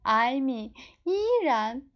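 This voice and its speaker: A woman narrating a children's story as a scripted, expressive reading. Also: fairly high pitch, extremely slow, highs cut off.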